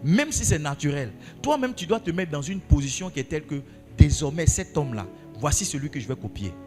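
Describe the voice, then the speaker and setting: A man's voice: on the high side, very animated, a little fast, a little mellow, in a large hall, faint music behind. A male pastor preaching a sermon, asking his congregation questions and repeating key phrases for emphasis.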